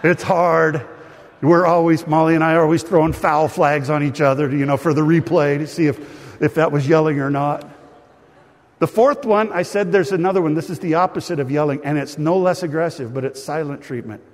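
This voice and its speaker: A male pastor preaching a sermon to a live congregation, animated and joking with the crowd. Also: on the high side, a little fast, big-room sound.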